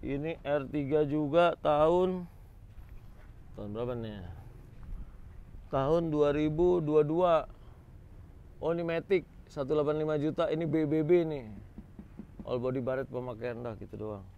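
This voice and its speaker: Gravelly man, casual exclamatory vlogger. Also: a little high, a little slow, pauses often, dark tone, muffled recording. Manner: informal, exclamatory, addresses viewers as boss. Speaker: host of a used car auction vlog. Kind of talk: casual walk-around vlog commentary. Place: outdoors in a car lot.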